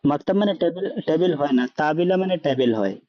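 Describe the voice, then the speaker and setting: The recording, dull and lo-fi with no room sound, catches a man teaching a language class in a quick, somewhat high voice. He puts questions to students, frequently checks they follow, and mixes in English.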